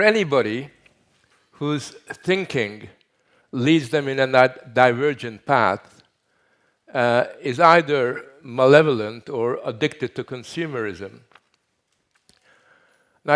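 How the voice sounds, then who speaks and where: An older man from Hungary speaking at a conference lectern on a headset mic, emphatic, building lists with pauses. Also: mid-range voice, a bit bright. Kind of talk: welcome speech at a conference.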